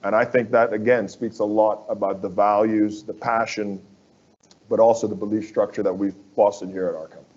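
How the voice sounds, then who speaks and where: A man's voice: fairly low pitch, level tone, a little fast, a little mellow, dull audio. A man from the Bahamas, a construction firm executive, speaking as an interview guest in an earnest, persuasive way that repeats phrases for emphasis.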